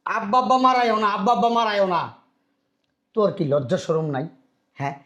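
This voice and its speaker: A man's voice: high voice, animated, brisk, a bit bright, reverberant, dull audio. A man playing a scolding, abusive father-in-law. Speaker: father-in-law in a drama skit. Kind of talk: Bangladeshi short drama acting.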